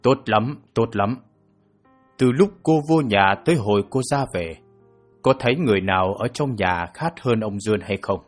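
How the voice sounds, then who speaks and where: A man voicing a stern prosecutor who questions a suspect in a slow, measured manner in an audiobook drama. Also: on the low side, animated, faint music behind. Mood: probing. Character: stern male prosecutor, calm and probing.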